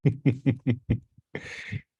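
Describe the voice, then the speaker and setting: A middle-aged man giving a lively spiritual teaching talk to an audience, jumping to high excited bursts and slowing down to read quotes. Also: vocal fry, slightly rough, muffled recording. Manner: animated, rising to high excited bursts, reads quotes slowly. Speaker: spiritual trainer.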